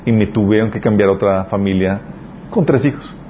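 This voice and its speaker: A man's voice: fairly low pitch, a little fast, slight background noise. A man preaching a sermon in an earnest, conversational way, telling personal stories. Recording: dull lo-fi recording.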